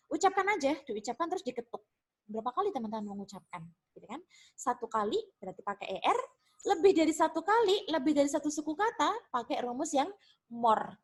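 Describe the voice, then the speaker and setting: A young woman teaching English grammar in a casual online lesson, chatty and repeating examples with frequent tag questions. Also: sits high.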